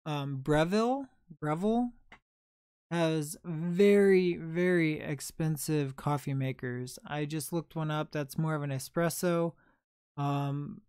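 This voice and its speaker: A man in his late twenties hosts a relaxed livestream, talking easily and answering viewer comments one after another. His voice is smooth and clear. The sound is dry and close, with no room echo. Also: on the high side. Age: 20s. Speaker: livestream host and reseller. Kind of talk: casual livestream chat.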